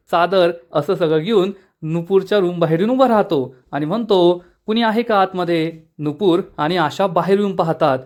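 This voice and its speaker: High-voiced man recapping a serial. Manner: steady narrating, acting out each character's lines. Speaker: narrator recapping a TV serial episode. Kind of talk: storytelling episode recap.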